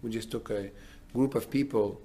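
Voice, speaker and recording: A man's voice: fairly low pitch, moderate pace, dark tone, slight background noise. A middle-aged man, a rabbi, giving a sermon in an earnest way, building to emphatic declarations.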